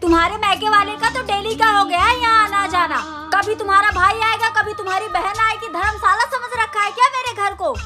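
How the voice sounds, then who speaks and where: A woman's voice: extremely high pitch, fairly even intonation, a little fast, few pauses, over music. An actress playing a harsh, scolding middle-aged mother-in-law in a melodramatic short skit, talking in a taunting, sarcastic way. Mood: scornful. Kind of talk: melodramatic short-video acting.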